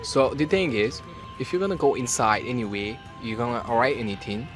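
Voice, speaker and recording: Man, student interviewee, casual and animated, mid-pitched, faint music behind. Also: brisk. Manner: animated, acts out puzzled locals in a high voice.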